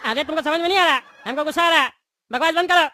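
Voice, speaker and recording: A man's voice: very high voice, very fast, pushed and bright, slight background noise, heavily acted. A voice actor playing a boastful but cowardly bald male politician in a cartoon. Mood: cowering. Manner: boastful, then pleading and whiny. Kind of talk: cartoon voice acting.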